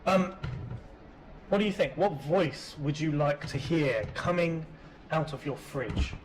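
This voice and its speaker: A man's voice: fairly high pitch, unhurried, noisy background. A man co-hosting a casual chat show, easygoing, asking questions and often repeating his words. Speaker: co-host.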